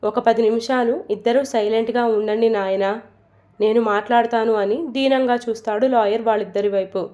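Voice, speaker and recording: A woman's voice: fairly high pitch, steady tone, normal speed, warm tone, muffled recording. Woman narrating a storybook.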